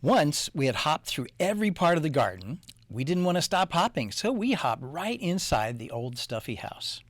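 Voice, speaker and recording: A man reading a children's picture book aloud with a playful, animated delivery. His voice is fairly high and swings widely up and down. It is close-miked and dry, with no room echo. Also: moderate pace. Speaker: storybook reader. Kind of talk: children's storybook narration.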